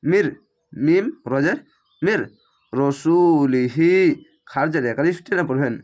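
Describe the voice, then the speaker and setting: Male Quran teacher with a Bangladeshi Bengali accent and a raised pitch, who spells out each word and repeats it patiently. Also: lively intonation. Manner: breaks words into syllables, repeats them slowly. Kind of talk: spelling-out Quran recitation lesson.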